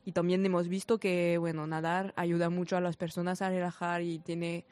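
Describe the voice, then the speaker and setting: A woman in her twenties from France with a French accent, answering interview questions haltingly in a language that is not her native one. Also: fairly low pitch, flat delivery, a little mellow, clear, resonant tone. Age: 20s. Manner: halting, searching for words in non-native Spanish. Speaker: interview guest, sports volunteer.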